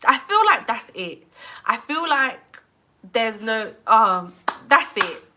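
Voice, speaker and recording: Young woman from England, bright tone, rambling live-stream vlogger who says "like" a lot. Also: a little high, takes it slowly. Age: 20s. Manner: chatty, says "like" constantly, animated. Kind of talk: casual live-stream chat.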